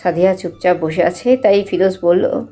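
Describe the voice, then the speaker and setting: Young woman narrator, mellow timbre, steady story reading. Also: lowish voice, moderate pace, soft background music.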